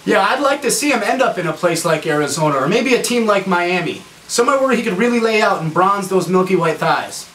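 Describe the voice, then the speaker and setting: Guy acting oddball sports co-anchor, earnest deadpan, parody show, highish voice, echoey w/ faint noise. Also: fairly quick, hardly any pauses, far from the mic.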